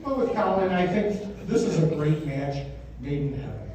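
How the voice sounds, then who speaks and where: Heard from a distance in a very echoey room with clear background noise, an American man in his fifties or sixties gives a father of the bride speech. His delivery is conversational and joking, built like storytelling, with emphatic punchlines. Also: on the high side, very animated, moderate pace. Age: 50s or 60s. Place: wedding reception room. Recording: echoey room from far off, noisy.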